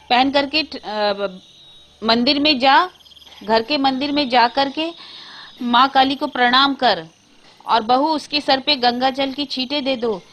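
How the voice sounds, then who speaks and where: A woman voicing a frightened old mother who scolds in a shrill, alarmed way, reading a Hindi storybook tale. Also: fairly bright tone. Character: frantic fearful old mother.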